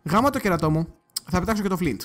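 A man giving casual gameplay commentary, chatty and excitable, talking straight to his viewers and now and then bursting into loud cursing. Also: sits high. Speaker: gaming video creator.

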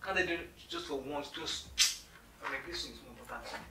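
A man's voice: fairly high pitch, brisk, natural voice. A young man acting as an arrogant, rude and impatient job applicant in a skit. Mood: irritated. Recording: echoey room, mic far off, noisy.

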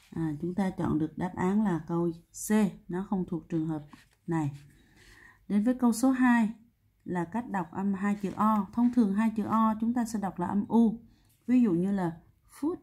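A woman teacher works through an exam answer by answer, explaining each rule patiently. Her voice is warm and mellow, with a slightly husky edge. She keeps checking in with her students through frequent tag questions. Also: mid-range voice. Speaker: English teacher. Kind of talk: exam answer walkthrough lesson.

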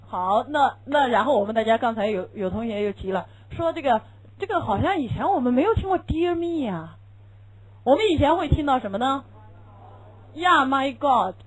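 A woman teaching English in a classroom lecture. She asks the class questions and answers them herself, and slows down to demonstrate English pronunciation. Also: sits high, low-quality recording.

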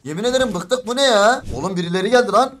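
A young man live-streaming a mobile shooter game, complaining fast and exasperated to his chat and to rival players. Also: high voice, a bit bright.

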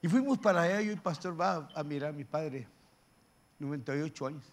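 An older man preaching with a high, lifted voice. He exhorts the congregation with fervor, then drops into soft, joking asides before building back up. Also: fairly quick, slight background noise. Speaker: pastor. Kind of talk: sermon.

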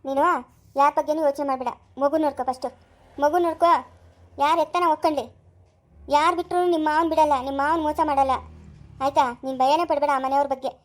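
A woman's voice: sits high, fairly even intonation, fast talker, pauses often, natural voice. A woman playing a fierce protective sister-in-law. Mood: comforting fierce. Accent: Chikkaballapur Kannada. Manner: scolding yet comforting, forceful. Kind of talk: homemade family skit.

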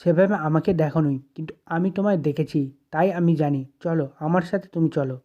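A narrator reading the lines of a calm, self-sacrificing elder brother and husband in their own plain voice. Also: male voice, a little high, fairly quick, highs cut off, close to an everyday voice. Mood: gentle. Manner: gentle, reassuring lines read plainly.

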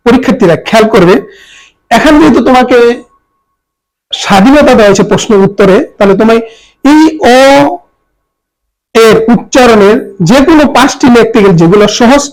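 A teacher giving a patient exam-prep grammar lesson. The voice sits at a middle pitch, and each example word is repeated slowly. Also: rough recording.

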